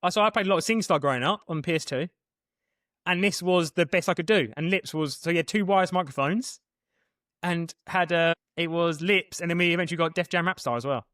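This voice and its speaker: A young co-host chats on a podcast in a rapid, rambling way with frequent restarts. His voice is fairly high with a fairly bright tone, captured at studio quality and free of echo.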